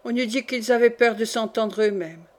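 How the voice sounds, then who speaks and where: A woman narrating a classic novel aloud in a measured, steady way. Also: a little high. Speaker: audiobook reader.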